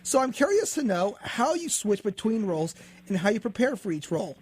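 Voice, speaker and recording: A man hosting a fan interview show, asking questions and telling stories in an eager, excitable way. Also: high-pitched, brisk, background noise. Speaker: interview host.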